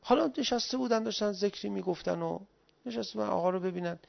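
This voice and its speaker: A middle-aged man giving an animated, pleading religious talk in the style of a sermon, recorded on dull lo-fi audio. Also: sits high, creaky. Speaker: religious lecturer.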